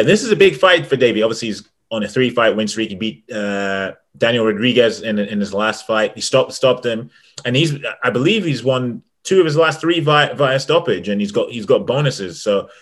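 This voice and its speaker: A young man on a casual podcast, talking about fights in an excitable way and stumbling over repeated words. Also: medium pitch. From England. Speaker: MMA journalist and podcast panelist.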